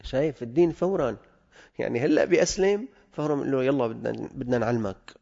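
Levantine guy teaching religious law, gravelly voice, reads the text then explains it, dull lo-fi sound. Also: medium pitch, racing, mellow. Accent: Levantine Arabic.

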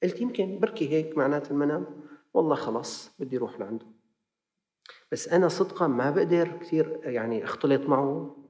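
Male Levantine preacher, quick and animated, acts out his stories, recorded with a lingering hall reverb. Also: a little high. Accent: Levantine Arabic. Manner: animated storyteller acting out dialogue. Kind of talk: sermon lesson with storytelling.

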